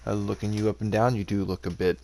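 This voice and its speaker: A man's voice: fairly low pitch, little pitch movement, quick pace, vocal fry, background noise. A man voicing a wary, suspicious male forest soldier who asks probing questions with hesitant fillers.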